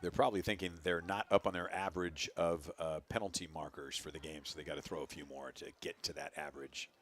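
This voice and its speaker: A man giving color commentary on a high school football game, joking and teasing. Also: steady tone, fast, fairly bright tone, slight background noise.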